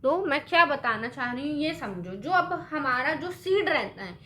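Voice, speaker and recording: A woman's voice: sits high, sharp tone. A woman teaching a science lesson, drawing on the board, asking the class questions and answering them herself, with English terms mixed in. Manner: mixes English terms into Hindi.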